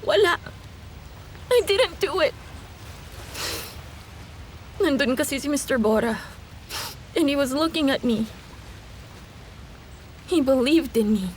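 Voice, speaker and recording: A woman's voice: sits high, animated, slow, pauses often, slight background noise. An actress dubbing a distraught, fed-up young woman who switches between Tagalog and English. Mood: despairing. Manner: emotional, mixing Tagalog with English. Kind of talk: Tagalog drama dub.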